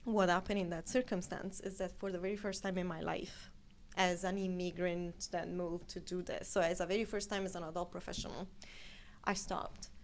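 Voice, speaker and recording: In this interview, an Italian woman in her thirties who works as a scientific editor chats as a guest, drifting into long tangents as she tells stories in her Italian accent. Her voice is on the low side with a steady tone at normal speed, and there is slight background noise.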